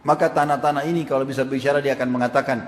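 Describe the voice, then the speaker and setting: A man's voice: medium pitch, fairly even intonation, very fast, slight background noise. A man preaching a sermon, asking his audience questions and acting out quoted speech. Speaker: Islamic preacher. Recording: echoey hall with long reverb.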